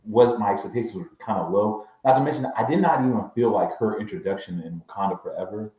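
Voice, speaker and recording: A man's voice: fairly low pitch, fast. A man co-hosting a casual review podcast, rambling with many fillers and restarts, his voice echoing off the room through a backup mic. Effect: echoey room sound from a backup mic. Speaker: podcast co-host reviewing a series. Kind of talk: casual chat. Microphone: backup mic after his main mic failed. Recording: echoey, dull lo-fi backup mic.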